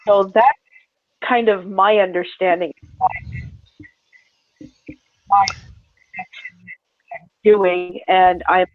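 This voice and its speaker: A panel participant on a call, speaking haltingly with sentences left unfinished, the audio choppy and cutting in and out so word endings get clipped off. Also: mid-range voice, steady tone. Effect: choppy audio that cuts in and out and clips off word endings. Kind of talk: casual group discussion. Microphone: headphones on a phone. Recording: tinny phone-like call line.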